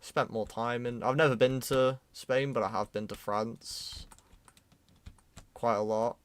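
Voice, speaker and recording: A man's voice: mid-range voice, fairly even intonation, a little slow, slight background noise. A British man talks through his modelling on a stream. His voice sits mid-range and easygoing. He keeps the chat loose, with dry, self-deprecating humour. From United Kingdom. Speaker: streamer, 3D artist. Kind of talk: casual chat while working.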